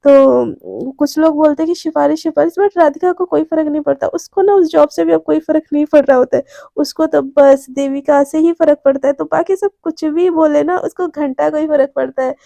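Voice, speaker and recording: A woman's voice: high voice, fairly even intonation, a little fast, creaky, mellow, no echo. A woman narrating a romance story in a chatty, colloquial way. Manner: chatty, colloquial, many fillers.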